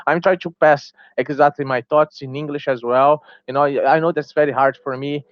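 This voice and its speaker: A Portuguese-speaking man who runs a small gaming YouTube channel delivers a heated opinion vlog, repeating himself and restarting phrases in a tired way. His voice sits a little high with fairly even intonation at a normal speed, and the recording is dry and muffled.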